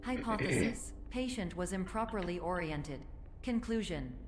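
A woman voicing a malfunctioning computer guide in a video game, with a glitching robotic sound and a flat, formal manner. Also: on the low side, a little slow, soft background music. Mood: clinical. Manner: flat, formal, announces each step. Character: malfunctioning female computer guide, cold and clinical.

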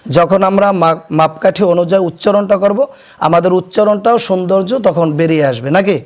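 A man teaching children to pronounce Arabic letters, explaining slowly and quizzing his pupils so they repeat after him. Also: sits high, a little mellow. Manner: asks questions and has pupils repeat; slow, deliberate explanation. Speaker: Quran teacher. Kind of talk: classroom recitation lesson. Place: madrasa classroom.

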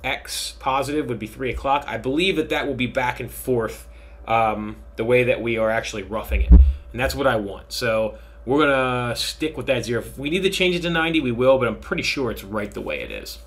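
Relaxed man giving a machining software tutorial. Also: medium pitch, brisk, slight background noise. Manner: relaxed, thinking aloud with fillers. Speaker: machining instructor. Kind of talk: software tutorial screen recording.

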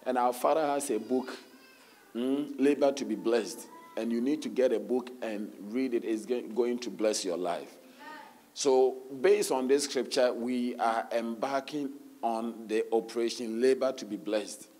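A pastor with a hoarse voice, leading a loud, fervent prayer and then giving church announcements in a sermon. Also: male voice, mid-range voice, a little slow, a little hiss or hum.

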